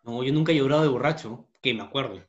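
A man's voice: mid-range voice, quick pace. A man trading crude banter in casual chat, swearing often. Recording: dull lo-fi sound.

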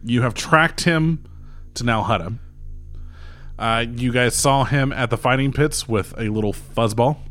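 A man's voice: mid-range voice, measured pace, fairly bright tone, soft background music. Laid-back man running a tabletop game. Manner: loose, laughing, swears freely. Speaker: game master.

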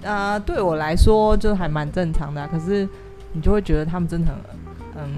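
A woman's voice: fairly low pitch, moderate pace, over music. A woman with a Taiwanese accent chatting casually, hesitant and trailing off between phrases. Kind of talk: casual chat.

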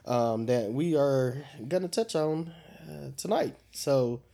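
A man co-hosting a casual podcast chat. He is congested, and he tells stories in an animated, profane way. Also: medium pitch, slow pace, gravelly. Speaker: podcast co-host.

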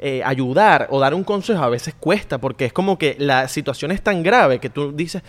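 A man's voice: fairly high pitch, expressive, moderate pace. A man chiming in during a casual podcast chat, agreeing and reflecting.

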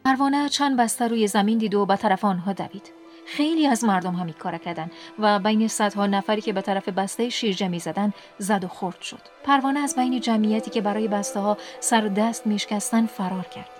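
A woman hosting a book podcast, reading a story aloud in an expressive way and sinking to a whisper in sad parts. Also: medium pitch, soft background music. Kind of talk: scripted audiobook narration.

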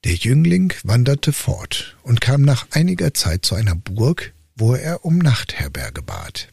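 A man reading a fairy tale as a calm, soothing bedtime story. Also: medium pitch, gravelly, slightly rough, no echo, clean studio sound. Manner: slow, soothing, gently hushed. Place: online audio room.

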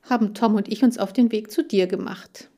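An agitated young girl in an audiobook, as a woman reader puts her on. Her voice rides high and pushes hard, pleading and tearful. The lines come out strained and urgent. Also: a little fast, mellow, close to an everyday voice. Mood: distressed. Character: upset, tearful girl caring for farm animals.

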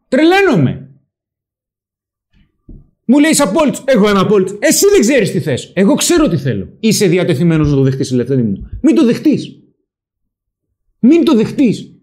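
A man hosting a talk show, speaking emphatically and loudly, with frequent swearing. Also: sits high. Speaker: podcast host. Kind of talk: animated opinion talk.

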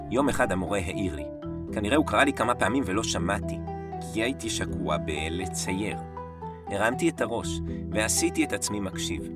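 Lively low-voiced man telling a story. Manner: dramatic pauses, short broken phrases. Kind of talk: first-person story narration. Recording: dry voice set back from the mic, soft music bed. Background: soft piano music.

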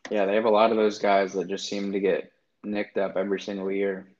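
A man's voice: lowish voice, flat delivery, brisk, darkish tone, highs cut off. A man co-hosting a sports podcast, easygoing and steering the talk. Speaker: podcast co-host. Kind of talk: casual sports chat.

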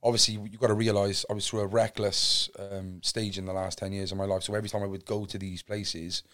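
He talks a little fast, his low-ish voice fairly bright but with little pitch movement. A Cardiff native in his thirties with a Welsh accent, he's a podcast guest recounting his life story candidly, earnestly, and in a rambling manner.

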